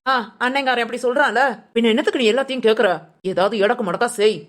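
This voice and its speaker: The performer voices a blunt, scornful young woman bossing her friend around in a cartoon family drama. The delivery is medium-pitched, quick, a bit bright, and close to an everyday voice.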